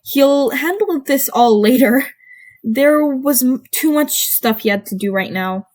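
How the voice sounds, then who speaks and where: Narrating fan fiction as an amateur audiobook, this channel host also chats casually with her listeners in a bubbly, informal way. She speaks at a measured pace in a voice that sits high, with a darkish tone and plenty of animation.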